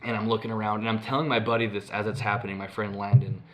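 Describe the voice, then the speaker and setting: Young male podcast co-host, lowish voice, rambling storyteller who swears freely and says "like" constantly. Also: flat delivery, quick pace, fairly bright tone. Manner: rambling, swears a lot, many "like" fillers. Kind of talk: casual storytelling chat.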